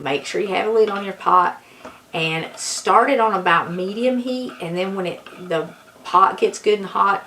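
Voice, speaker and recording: Hoarse woman, voice giving out. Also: lowish voice, a bit bright, slight background noise. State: hoarse, losing her voice. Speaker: home cook presenting a recipe. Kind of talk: casual cooking tutorial.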